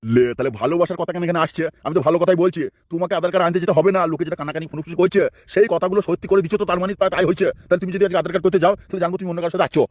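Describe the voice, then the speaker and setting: A man's voice: high-pitched, fairly even intonation, very fast, few pauses, darkish tone, dry recording, clean studio sound, lightly acted. A man voicing a stubborn, suspicious husband in a comic cartoon dub. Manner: nagging, suspicious.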